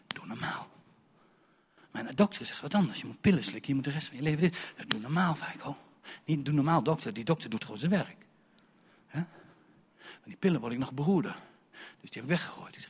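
A man preaching a charismatic sermon, emphatic and repetitive, swinging between shouting and hushed whispers. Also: mid-range voice, breathy edge.

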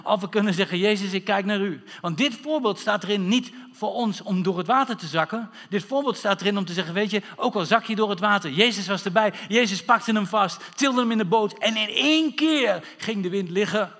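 A man preaching a sermon, animated, full of rhetorical questions and bursts of shouting. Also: sits high, fairly quick, hardly any pauses. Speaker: pastor. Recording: long hall reverb.

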